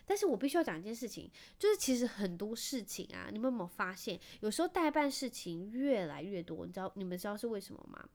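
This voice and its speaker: A woman in her thirties with a Taiwanese Mandarin accent hosts a casual chat, spilling family stories at a brisk clip. Her tone is wry and self-mocking, and she drops English words in here and there. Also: mid-range voice, sing-song, a little mellow. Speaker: podcast host, mother.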